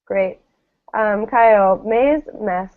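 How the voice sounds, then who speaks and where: A woman teaches English pronunciation in a live online lesson, speaking slowly at medium pitch as she encouragingly drills word pairs and carefully enunciates model words. The call audio is thin, narrow and tinny.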